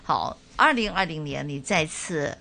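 A woman hosting a conversational interview, often tagging sentences with soft particles and short affirmations. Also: sits low, lively intonation, measured pace. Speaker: interview host. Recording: clearly noisy background.

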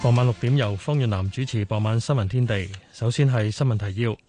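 A man's voice: mid-range voice, fairly quick, music in the background. A man with a Hong Kong Cantonese accent reading scripted headlines as a radio news anchor.

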